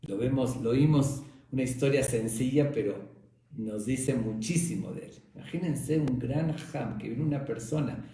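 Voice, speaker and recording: A male rabbi teaching a Talmud lesson as an animated storyteller. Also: mid-range voice, moderate pace. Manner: animated storytelling, acts out voices. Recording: echoey room.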